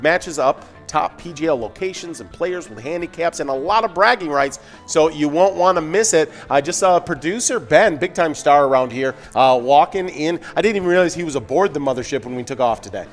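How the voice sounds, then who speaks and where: An easygoing man co-hosts a live game show with jokes and filler words. His voice is slightly high, and faint music runs under the talk. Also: animated, a little fast, hardly any pauses. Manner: easygoing, joking, filler-heavy. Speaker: co-host.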